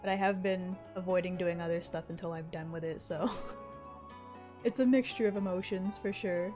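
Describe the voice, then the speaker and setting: A woman game streamer chatting casually on a livestream in a playful, expressive, sometimes sweary way. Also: lowish voice, normal speed. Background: game music.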